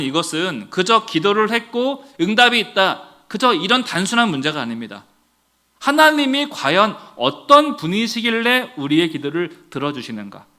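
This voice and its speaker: A male pastor from Daejeon preaching a sermon, telling stories to his congregation with animated delivery. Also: sits high. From Daejeon, Korea. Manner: animated storytelling, addressing the congregation.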